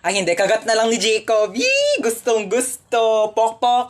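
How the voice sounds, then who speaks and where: A woman performing comic skits, playful and swinging between soft asides and loud outbursts. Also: on the high side, fairly even intonation, normal speed, a little hiss or hum. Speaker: comedy skit creator. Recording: music playing behind. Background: music.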